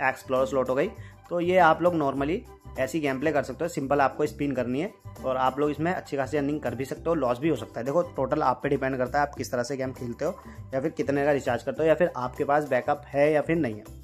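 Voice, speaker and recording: A man giving casual, chatty commentary over his own slot game session, speaking frankly to his viewers about wins and losses. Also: on the high side. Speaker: gaming YouTuber.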